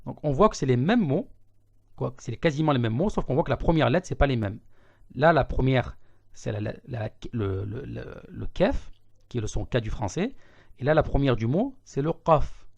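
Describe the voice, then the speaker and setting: A man giving an online language lesson, patiently repeating words slowly to contrast their sounds. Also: medium pitch, lively intonation, vocal fry, a little mellow. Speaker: Arabic teacher. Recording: slightly dull lo-fi audio.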